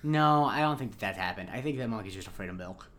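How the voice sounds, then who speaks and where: A man's voice: fairly low pitch, animated, quick pace, a bit bright. A man co-hosting a podcast, recapping an episode in rambling casual chat. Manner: rambling, many fillers and restarts. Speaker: podcast co-host.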